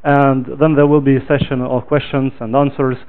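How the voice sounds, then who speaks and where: A man's voice: medium pitch, moderate pace, smooth. Man giving a tech talk over tinny audio. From Ukraine. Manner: relaxed, filler-heavy, loud when projecting to the room. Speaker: meetup speaker. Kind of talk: technical talk.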